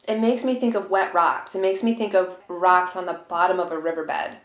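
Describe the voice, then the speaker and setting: A woman's voice: on the low side, steady tone, normal speed. A woman vlogger chatting casually through an unboxing, in an informal, rambling and musing way. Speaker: tea vlogger. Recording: roomy, echoey room sound.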